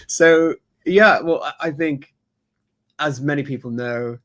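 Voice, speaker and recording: A man's voice: fairly high pitch, takes it slowly, fairly bright tone. A man from Hong Kong with a British accent, chatting as an interview guest over a video call, laughing often and restarting his sentences with many fillers. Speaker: guest, sourcing company co-founder. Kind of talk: conversational interview answers.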